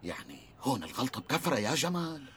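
An actor with a Levantine Arabic accent playing a nervous friend who reluctantly joins a dangerous plan. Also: male voice, mid-range voice, big pitch swings, fast, fairly bright tone, slightly rough, heavily acted. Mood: worried. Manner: anxious, pleading.

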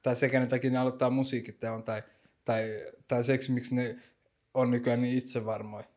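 A man's voice: medium pitch, level tone. A young man from Finland talking casually in slang, sprinkling in English phrases and many fillers. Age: young adult. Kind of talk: casual conversation.

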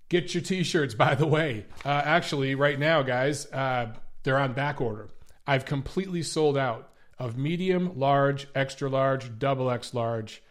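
On his boxing podcast, a man with a mid-range voice chats casually with his viewers. He sounds slightly stuffy and congested, repeats phrases, and keeps saying "guys" and "uh."

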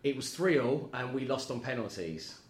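A man's voice: medium pitch, expressive, normal speed. A man in casual chat as a guest, rambling and self-deprecating, often laughing at himself. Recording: echoey room with faint ambience.

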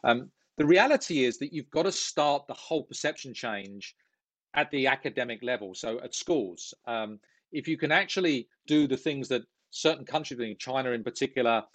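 Middle-aged UK-born man, interview guest, measured earnest delivery, mid pitch, dry close sound. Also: animated, fairly bright tone, no room sound. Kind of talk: business interview.

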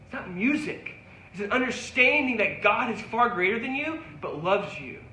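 A man preaching in a high, bright voice, earnest and pleading as he repeats his calls. The sound carries an echoey room around him, with faint ambience underneath. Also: very animated, normal speed, a little hiss or hum. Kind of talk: sermon.

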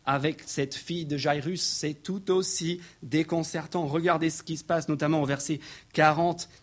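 A man preaching a sermon, reading verses aloud and building to excited, emphatic peaks. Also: a little high, moderate pace. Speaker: pastor.

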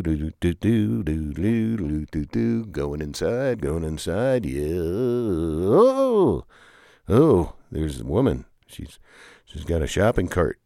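Deep-voiced man telling a rambling comic tale. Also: vocal fry, mellow, dry recording, clean studio sound. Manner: rambling, with frequent groaning "ugh"s and playful humming. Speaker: storyteller. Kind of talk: improvised comic storytelling with two bickering characters.

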